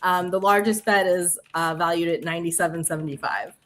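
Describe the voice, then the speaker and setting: A woman with a Midwestern accent hosts a casual livestream, running through announcements in a chatty way. Her voice sits a little low, and she drops in quick asides and laughs as she goes. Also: a bit bright. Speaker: livestream host.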